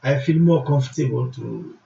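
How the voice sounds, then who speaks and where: Ivorian guy, french is his first language, preacher teaching gently paced, soft dark voice, roomy dull audio w some noise. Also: medium pitch, brisk, vocal fry. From Ivory Coast. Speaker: guest preacher, apostle. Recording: muffled, noisy, roomy, distant microphone.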